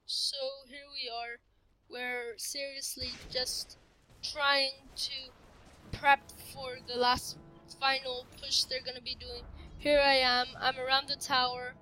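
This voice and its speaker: Woman gamer, chatty play-by-play, bright voice, faint music behind. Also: sits high, little pitch movement, slow, low-quality recording. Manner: chatty play-by-play of own match. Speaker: gameplay commentator. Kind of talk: casual game commentary.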